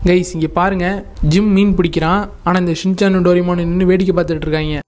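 A man's voice: sits high, fairly even intonation, fast, a little mellow, lightly acted. A man playing an easygoing game hero and narrating a gameplay video, speaking plainly and giving instructions to his friends and viewers.

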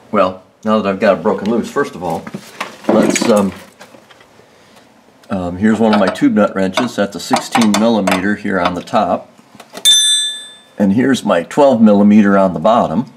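Low-voiced man explaining car repairs. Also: noisy background. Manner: relaxed, rambling, with many ums and restarts. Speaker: home mechanic host. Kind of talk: casual how-to demonstration. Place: under a car in a garage.

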